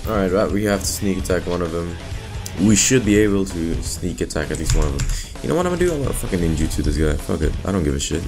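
Young guy playing a game, low voice, cursing and hyped, game music going behind him. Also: quick pace. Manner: excitable, profane, reacting loudly. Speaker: let's play host. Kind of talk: gaming commentary.

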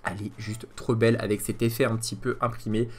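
A man in his thirties chatting casually with his live-stream viewers, animated and laughing at his own jokes. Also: lowish voice, quick pace. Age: 30s.

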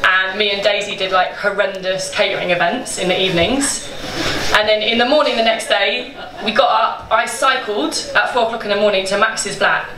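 A woman's voice: medium pitch, fairly even intonation, normal speed. Chatty woman swearing on stage. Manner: chatty, swears freely, laughs through her words. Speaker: bakery co-owner telling its story. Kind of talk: casual storytelling on stage. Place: small indoor event space with a seated audience. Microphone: handheld microphone. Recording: roomy live-event sound, picked up from a distance, with room noise.

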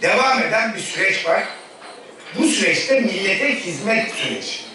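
At a podium microphone in a large, echoey congress hall, a middle-aged male politician addresses his party congress in a high-set, bright, pushed voice with lively intonation. His rhetorical delivery includes pauses between phrases, and the distant mic catches a boomy sound and audible room noise.

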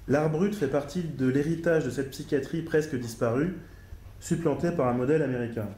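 Speaking a little fast in a voice on the high side with a dark tone, a middle-aged male psychiatrist addresses a conference panel. It's an academic talk and discussion in a large lecture hall, recorded with echo and faint noise. He is hesitant, full of fillers and careful when pronouncing foreign names.

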